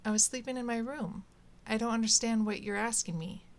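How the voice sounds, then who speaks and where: A woman voicing a calm, bewildered woman who answers gently in a read-aloud story. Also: fairly high pitch, a little fast, close to an everyday voice. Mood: puzzled, calm. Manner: mild, bewildered replies.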